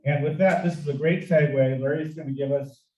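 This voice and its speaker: A man's voice: on the high side, steady tone, brisk, a little mellow. Guy running a meeting, joking around, echoey room, mic kinda far. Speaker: meeting presiding officer. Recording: roomy, distant with faint noise.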